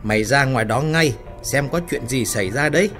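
A man's voice: medium pitch, fairly quick, a bit bright, faint music behind, lightly acted. A man doing a curt, dismissive factory boss. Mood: bossy. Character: curt, bossy male factory director.

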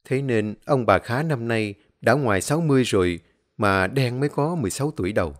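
Expressive male storyteller. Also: mid-range voice, fairly quick. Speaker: narrator. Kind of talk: storybook narration.

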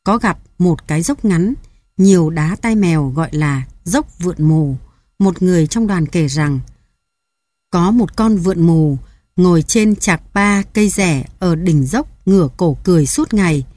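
A woman's voice: on the low side, expressive, measured pace, mellow, no room sound. Woman reading a novel, dry sound. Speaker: audiobook narrator. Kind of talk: literary narration.

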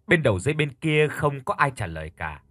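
A man narrating a horror audiobook in a calm, measured storytelling voice. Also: medium pitch, no room sound.

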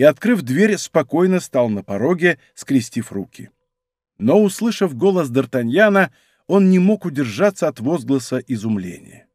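A man narrating a historical adventure audiobook with an expressive, dramatic reading. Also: on the high side, no room sound, studio quality.

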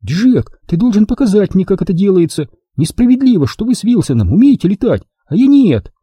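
A man voicing an eager young girl who pleads and cheers in a high, excited voice. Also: brisk, slightly rough, dry recording, full character voice.

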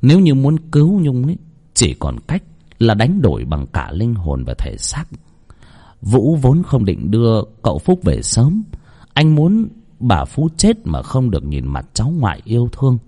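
A man narrating a dramatic Vietnamese folk ghost story with an expressive, swooping delivery. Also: mid-range voice, normal speed.

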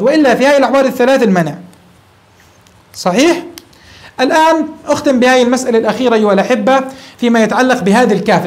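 A man teaching a grammar lesson, often checking in with quick rhetorical questions. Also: very high voice. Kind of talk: classroom grammar lecture.

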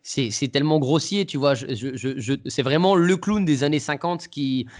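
A man's voice: on the high side, normal speed. A man, a comedian guest, casually telling an anecdote in an interview, hesitant and full of restarts. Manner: hesitant, many restarts and fillers.

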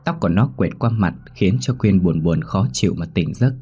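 A man narrating a horror story in a steady, measured way. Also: sits low, breathy edge.

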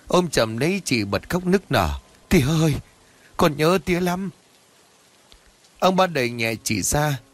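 A man narrating a Vietnamese horror story in a steady, expressive storytelling voice. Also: mid-range voice. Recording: faint background music.

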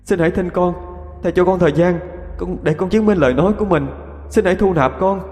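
A man's voice: a little high, normal speed, a little mellow, big-room sound, soft background music, pitched above the performer's own voice, lightly acted. Man doing a stammering, begging ancient ghost. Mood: pleading. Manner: stammering, pleading.

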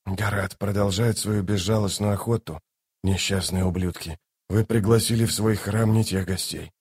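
A man's voice: fairly low pitch, steady tone, normal speed, a little mellow, slightly rough, no room sound, clean studio sound, voice pushed down. Man doing a weary grumbling soldier. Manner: muttering, grumbling, subdued. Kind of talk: audiobook character voice.

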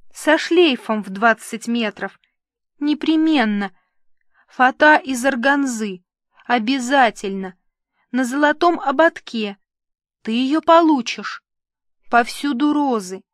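A woman's voice: on the high side, a bit bright, no echo, studio quality, voice pushed up. A woman reading aloud, voicing a vain, melodramatic aging male actor who pleads and coos. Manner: melodramatic, wheedling.

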